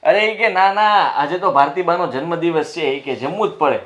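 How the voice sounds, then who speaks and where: A man's voice: fairly high pitch, normal speed, reverberant, dull audio, close to an everyday voice. An actor playing a husband who defends himself against his wife in a family drama, pleading and then losing his temper. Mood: defensive. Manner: pleading then shouting in anger. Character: defensive husband, quick to anger. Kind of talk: Gujarati short-film family drama acting.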